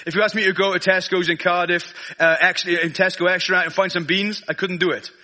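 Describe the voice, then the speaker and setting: Male guest preacher, South Wales Valleys accent, high forceful voice, colloquial and self-deprecating sermon delivery. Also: flat delivery, brisk. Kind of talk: informal sermon.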